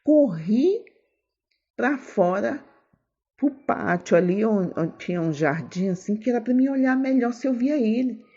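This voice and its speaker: A woman's voice: expressive, measured pace, dark tone, husky. A woman giving an emotional testimony and sermon, repeating phrases fervently. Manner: fervent, repeats phrases, voice climbs high when moved. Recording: dull lo-fi recording with faint music.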